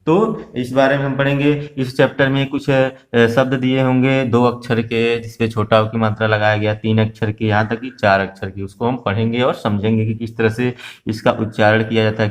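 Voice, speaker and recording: A man teaching a class-one Hindi lesson, patiently asking questions and answering them himself, slow and repetitive. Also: mid-range voice. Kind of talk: Hindi phonics lesson for young children.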